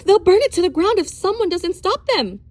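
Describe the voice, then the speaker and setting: Storybook heroine acted by a woman reader: distraught young schoolmistress, defiant, pleading, pitched high. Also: animated, brisk, darkish tone, dry recording. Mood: urgent pleading. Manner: urgent, pleading, exclaiming.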